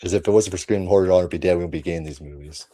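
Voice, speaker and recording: A man's voice: sits low, racing, dark tone, no room sound. A man hosting a casual horror podcast chat, laughing often and trailing off with "so". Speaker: channel host.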